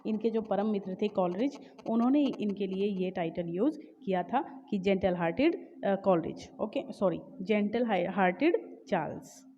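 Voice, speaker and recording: A woman teacher with an Indian English accent, explaining exam questions in Hindi mixed with English, reading each question out slowly and often stopping to correct herself. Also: medium pitch, animated, mellow, big-room sound, highs cut off, slight background noise. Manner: many fillers and self-corrections. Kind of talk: exam-prep lecture.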